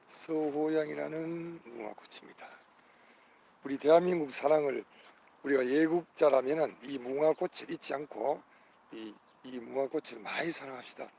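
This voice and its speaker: Older man, gravelly voice, outdoor garden vlog, naming flowers one by one, faint crickets behind. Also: mid-range voice, a little mellow, slight background noise. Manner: exclaims over each flower, repeating names; hearty patriotic appeals to viewers. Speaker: channel host.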